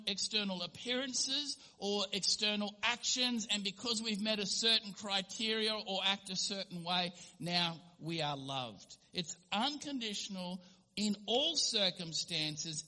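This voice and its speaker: A man's voice: high-pitched, pushed and bright. A male pastor giving an earnest sermon, sometimes acting out little everyday scenes in different voices. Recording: long hall reverb.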